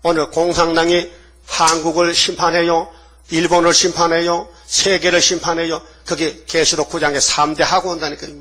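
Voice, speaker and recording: A man's voice: on the high side, level tone, moderate pace, bright, forceful tone. An older man preaching a sermon, colloquial and scolding, often asking his congregation questions. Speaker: pastor.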